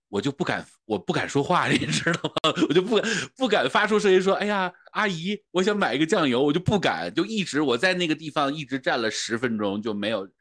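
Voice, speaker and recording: A man's voice: medium pitch, fairly bright tone. A man, co-hosting a casual coaching talk and telling stories with frequent laughs. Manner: chatty storyteller, laughs often. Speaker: coach, podcast co-host. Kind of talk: casual conversation.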